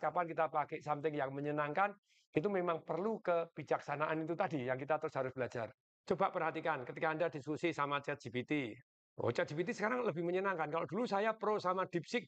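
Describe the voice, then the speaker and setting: Animated high-voiced older man lecturing. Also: muffled recording. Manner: animated, laughing often, mixes in English words. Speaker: motivational speaker. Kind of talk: webinar talk.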